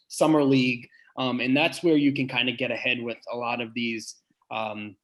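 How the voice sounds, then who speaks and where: Thinking aloud with frequent pauses and restarts, a head basketball coach with a big, medium-pitched voice gives earnest answers to a podcast's questions.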